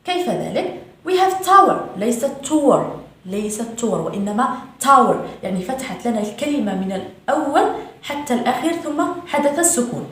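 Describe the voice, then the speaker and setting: A woman teaching English pronunciation in a lesson, repeating each word slowly and stressing it. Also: on the high side, very animated. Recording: very echoey room.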